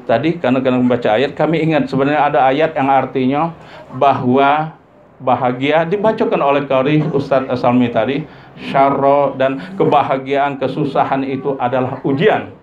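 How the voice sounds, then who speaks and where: A man giving a sermon, his voice jumping high for emphasis as he acts out everyday family dialogue. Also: normal speed. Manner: lively pitch leaps, acts out dialogue of parents and children. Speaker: preacher. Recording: dull lo-fi recording with faint ambient noise.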